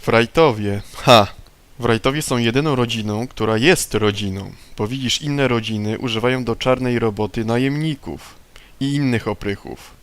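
A man's voice: medium pitch, moderate pace, natural voice. A man reading the lines of a wry, streetwise male informant from a video game, in his plain voice. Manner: reads game dialogue aloud plainly. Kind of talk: reading game dialogue aloud.

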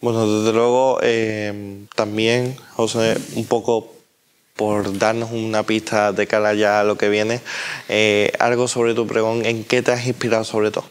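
Clear, even-toned young man interviewing. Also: fairly low pitch, measured pace. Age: young adult. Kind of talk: on-camera interview. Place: inside an ornate church.

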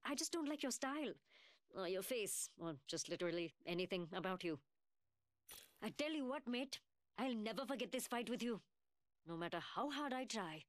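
At a moderate pace and medium pitch, an actress delivers lightly acted game lines as a cocky young gunsmith. Her intonation is lively, her British working-class London accent strong, and her manner mocking, slangy and sarcastic.

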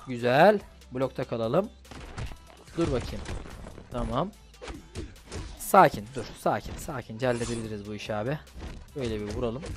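Man, gameplay commentary, mid-pitched voice, talks to himself, curses, faint music behind. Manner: talks to himself and the game, swears, frustrated outbursts. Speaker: gaming YouTuber.

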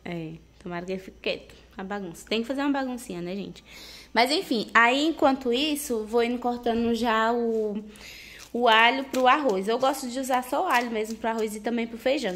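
A chatty young woman with a slightly high, fairly bright voice cooks in a small home kitchen with tiled walls, talking casually to the camera and repeatedly asking viewers "né, gente?". The camera sits on the counter and is partly hand-held over the stove, so the audio is echoey with faint background noise.

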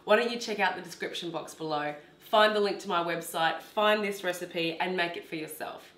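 A woman's voice: lowish voice, normal speed, fairly bright tone, echoey room. A woman, hosting a cooking demonstration in her home kitchen and explaining each step in a chatty, instructive way. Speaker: cooking show host.

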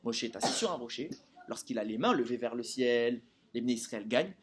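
A man's voice: mid-range voice, lively intonation, a little fast, husky. A man teaching a Torah lesson to a group, keeping listeners engaged with frequent rhetorical questions.

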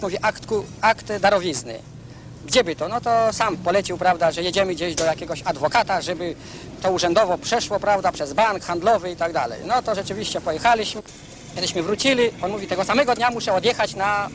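In a 1970s newsreel sound recording, a man being interviewed gives a rambling spoken account, frequently saying "prawda" and restarting his sentences. His voice is high-pitched and brisk, with a noisy background.

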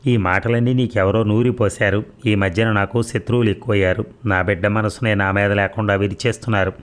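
A tearful middle-aged mother pleads and complains in a plaintive tone, voiced by a male storyteller. The pitch stays low and near the reader's plain voice. This is storybook narration, not a stage performance. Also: steady tone, a little fast, natural voice. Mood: defensive.

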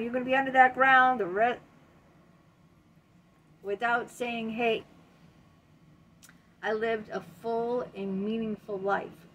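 Woman in her fifties, fairly high voice, emphatic motivational vlog, repeats herself, home office with bookshelves, faint room hum. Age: 50s. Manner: emphatic, repeats key words, frequent "you know". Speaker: self-help video host. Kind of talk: casual motivational talk to camera. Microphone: webcam at desk, close.

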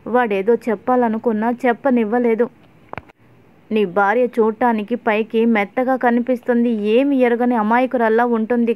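A woman's voice: on the high side, natural voice. A woman voicing a middle-aged mother who dotes on her son and complains about others, on tinny phone-like audio. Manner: complaining, accusing.

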